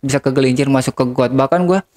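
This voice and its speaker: A man's voice: medium pitch, fast talker, a little mellow. A man, telling a regretful confession as an interview guest and often turning to the host. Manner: regretful, keeps addressing the host as "Bang". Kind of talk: confessional storytelling.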